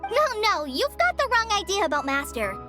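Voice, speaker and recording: A woman's voice: very high voice, big pitch swings, normal speed, pushed and bright, full character voice. A woman voicing a shy, eager young ranger trainee who stammers and hesitates nervously. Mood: earnest. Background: game music.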